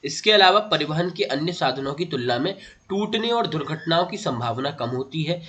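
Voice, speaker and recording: A man's voice: fairly high pitch, expressive, normal speed, sharp tone, dull audio. A man teaching an online exam-prep lesson, who calls his students beta, repeats key facts and keeps checking in with "theek hai".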